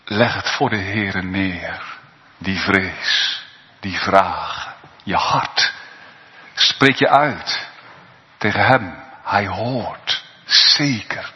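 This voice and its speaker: A male pastor preaching a sermon in a church, slow and earnest, swelling into pleading appeals. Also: sits low. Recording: long reverb, dull sound in a church.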